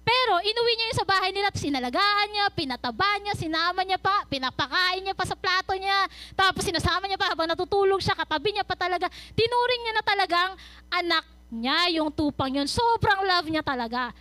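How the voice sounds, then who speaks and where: A young woman giving a youth sermon, retelling a Bible story in lively Taglish with quick asides. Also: very high-pitched, no room sound. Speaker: youth speaker.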